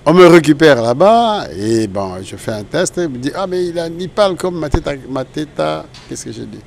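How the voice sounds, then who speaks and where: A man's voice: fairly high pitch, sing-song, normal speed, creaky. An older man from Congo, a guest in an interview, telling his story in a rambling way and often correcting himself. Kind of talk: casual interview recollection.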